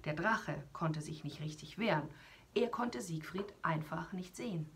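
A woman reads a children's story aloud with lively, whispery storytelling and friendly asides for young listeners. Her voice is very breathy and husky and sits somewhat low. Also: a little slow. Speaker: radio host reading aloud.

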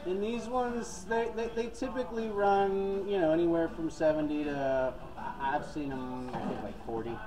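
A man's voice: fairly high pitch, normal speed, hardly any pauses, low-quality recording. A man working as a hat store salesperson, explaining hats in casual chat with lots of fillers, recorded inside a big western wear store. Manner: chatty, explains with many fillers. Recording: store music playing behind.

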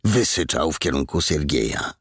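A man's voice: rumbling low, animated, moderate pace, breathy edge, no echo, studio quality. A man reading an audiobook as the narrator, telling the story with tense drama. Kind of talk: scripted narration.

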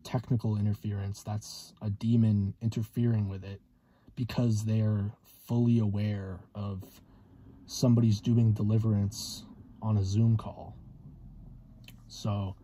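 A man in his twenties talking casually to camera in a hesitant, halting way, with a slightly husky voice, inside a car. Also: on the low side, warm tone, no room sound. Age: 20s. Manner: hesitant, halting with long pauses. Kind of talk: casual vlog monologue.

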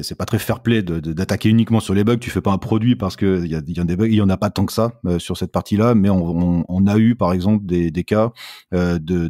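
A man in his forties with a very low, dark voice, speaking as a guest in a casual technical interview. He talks in a hesitant way, full of fillers and restarts. The sound is dry and close. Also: dry recording. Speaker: guest, startup founder.

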